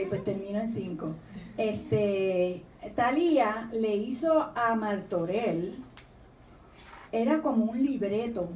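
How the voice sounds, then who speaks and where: A woman's voice: fairly high pitch, a little hiss or hum. A woman, a children's author, speaking on a panel and reading her poems aloud in a lilting storytelling tone. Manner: expressive, reads questions in a lilting storytelling tone. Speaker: children's author giving a talk. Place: university library lecture room. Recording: echoey room recording from far off.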